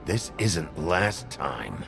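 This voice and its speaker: A man voicing a stern, weary, curt wolf-man sheriff with a gravelly voice in a video game. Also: deep voice, very animated, drawn-out words, heavily acted. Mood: menacing. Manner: curt, firm. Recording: game audio under loud music.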